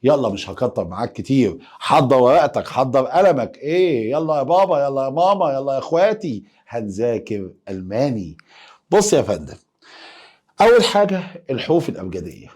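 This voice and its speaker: Animated Egyptian man teaching letters. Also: medium pitch, a little fast, husky. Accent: Egyptian Arabic. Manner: playful, coaxing, calls out letters for students to repeat. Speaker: German teacher. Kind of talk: lively classroom lesson.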